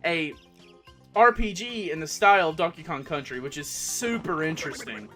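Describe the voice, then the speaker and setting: A woman's voice: low voice, animated, moderate pace, sharp tone. A woman casually commenting on a game as she plays, chatty and self-mocking. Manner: chatty, laughs at herself. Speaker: let's play host. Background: faint game music.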